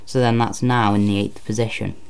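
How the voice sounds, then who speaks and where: A man's voice: lowish voice, level tone, fairly quick, vocal fry, a little mellow, smooth. A man giving informal card magician patter, explaining step by step and repeating phrases as he goes. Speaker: card trick presenter.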